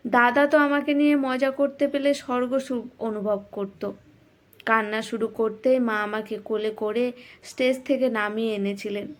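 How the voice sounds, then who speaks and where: A woman's voice: a little high, steady tone, normal speed. A woman narrating a first-person story in a reflective, self-mocking way.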